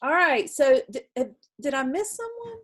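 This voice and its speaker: A woman hosting a casual group video call, unhurried and friendly, laughing often. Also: sits high, very animated, a bit bright. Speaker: meeting host.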